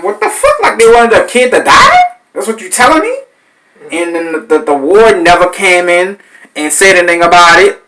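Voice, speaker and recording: A man, hosting a podcast and telling stories in a loose, animated way, cursing and acting out voices. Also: a little high, low-quality recording. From New Orleans, Louisiana. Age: 30s. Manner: animated, swearing, acts out voices in his stories. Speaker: podcast host. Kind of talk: casual storytelling.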